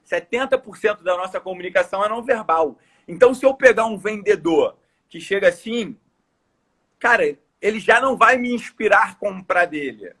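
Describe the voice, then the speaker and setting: Brazilian male coach, high husky voice, earnest emphatic podcast chat. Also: lively intonation, normal speed, pushed and bright. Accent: Brazilian Portuguese. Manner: earnest, emphatic, repeats phrases for stress. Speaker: coach and course speaker. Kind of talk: casual podcast conversation.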